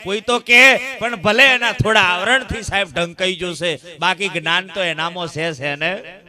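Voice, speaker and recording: A man's voice: high voice, unhurried, faint music behind. A man with a Gujarati accent preaching a folk sermon at a village religious gathering, telling stories and firing rhetorical questions at the crowd. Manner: animated, addresses crowd as "saheb" and "bap", asks rhetorical questions. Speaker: bhajan satsang preacher.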